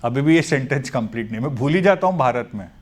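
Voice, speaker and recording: A male teacher with an Indian accent gives a chatty, jokey classroom lecture in a classroom, switching between Hindi and English and slowing down to dictate English phrases. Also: medium pitch, expressive.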